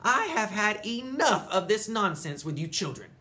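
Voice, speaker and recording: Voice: mid-range voice, very animated, normal speed, sharp tone, voice pushed up. A reader voicing a stern, fed-up grandmother in a children's book read aloud, hollering and scolding.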